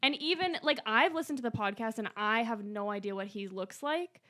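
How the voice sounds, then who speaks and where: Woman guest on a chill podcast, bit high voice, blunt and giggly. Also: lively intonation, brisk, pushed and bright. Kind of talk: casual chat.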